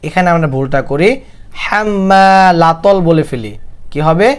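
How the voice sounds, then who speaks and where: A man from Bangladesh with a Bangladeshi accent, teaching Quran recitation, who chants verses slowly and drawn out, then explains quickly. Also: on the high side. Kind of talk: recitation lesson.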